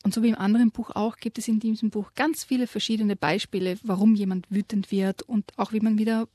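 A woman co-hosting a radio show, lively retelling and reading aloud a children's story, giving quoted lines their own voice. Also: medium pitch, fairly quick, no room sound. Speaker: radio co-host presenting children's books.

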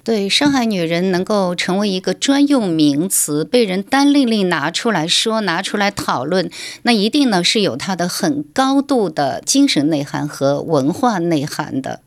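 A woman's voice: lowish voice, big pitch swings, normal speed, few pauses. A woman writer from Shanghai, guest on a radio interview, explaining her views in an articulate, lecturing way.

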